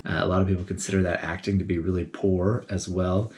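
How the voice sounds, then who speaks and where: A man giving a casual, animated video essay, talking in a chatty way with geeky enthusiasm. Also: sits low, quick pace, faint music behind. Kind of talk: casual commentary to camera.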